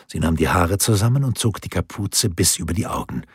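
A man reading an audiobook in a steady, measured storytelling voice. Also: low-pitched, slightly rough, dry recording, studio quality. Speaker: narrator. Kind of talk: audiobook narration.

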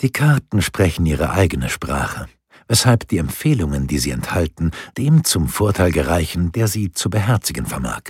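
A man voicing a calm, alluring woman who reads cards in an audiobook, speaking in a husky, measured way. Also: sits low, dry recording, clean studio sound, full character voice. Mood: counseling. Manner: measured, advising. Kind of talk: audiobook character voice.

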